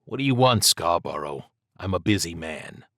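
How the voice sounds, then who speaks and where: In this audiobook tale, a male narrator plays a slippery thief who deflects with flippant, slang-heavy swagger to mask his nerves. The recording is dry and close, the voice low yet pushed and bright, animated and at a normal pace. It's a full character performance, with an undercurrent of stiff wariness.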